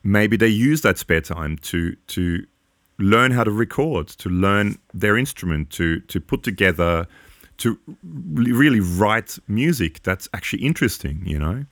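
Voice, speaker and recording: A man's voice: on the low side, expressive, unhurried, fairly bright tone, dry recording, clean studio sound. A man in his forties co-hosting a podcast, giving earnest, long, rambling opinions in casual chat. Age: 40s. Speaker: podcast co-host.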